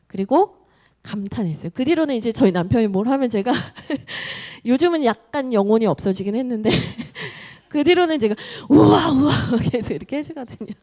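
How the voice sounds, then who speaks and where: A woman's voice: fairly high pitch, lively intonation, moderate pace, dark tone. A woman in her thirties, a pastor preaching a sermon in a church and telling a personal story with playful quoted dialogue. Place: church sanctuary.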